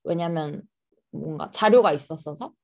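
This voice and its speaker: A woman's voice: deep voice, normal speed, creaky, warm tone. A young adult woman from South Korea, answering questions casually as a podcast guest. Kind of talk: casual interview chat.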